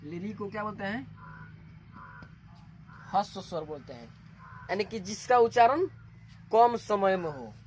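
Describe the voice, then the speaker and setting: A woman from India teaching a grammar lesson, explaining slowly, repeating terms and asking questions that she then answers herself. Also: mid-range voice, expressive, a little mellow, slight background noise.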